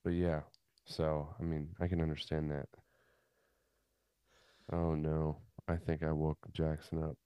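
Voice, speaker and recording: A man with a deep, low voice chatting casually and informally as a podcast co-host. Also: completely flat delivery, measured pace, long pauses, warm tone, clear, resonant tone, dry recording. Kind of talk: casual chat.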